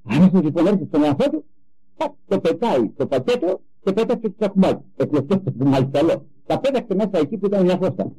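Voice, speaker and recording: An older man giving a religious talk, telling personal stories with animated emphasis. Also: sits high, slightly rough, faint music behind, rough recording. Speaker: religious speaker. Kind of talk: sermon with personal anecdotes.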